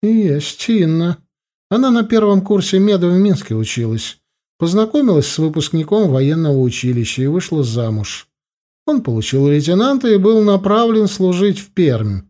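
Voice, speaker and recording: A man's voice: high voice, sing-song, moderate pace, mellow, voice pushed up. A man doing a blunt, curt grandmother. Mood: matter-of-fact. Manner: curt, matter-of-fact answers. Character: blunt, sharp-tongued grandmother, older woman. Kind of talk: audiobook character voice.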